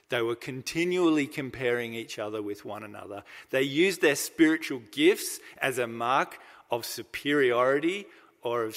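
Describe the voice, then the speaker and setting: A man's voice: medium pitch, fairly bright tone. Man preaching in an echoing church. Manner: conversational, explanatory, with restarts. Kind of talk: sermon. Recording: long reverb of a church hall.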